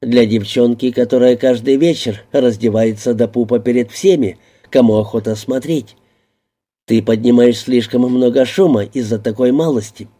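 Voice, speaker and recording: A man voicing a smug, coercive man in an audiobook reading, speaking with slow, even, coaxing menace. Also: mid-range voice, natural voice.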